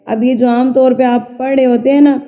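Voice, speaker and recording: A woman with a very dark, mellow voice leads a tajweed lesson, patient and methodical. She asks questions and answers them herself, repeating each sound slowly to demonstrate it. The voice carries a long, lingering reverb. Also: high-pitched, level tone. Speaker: Quran recitation teacher.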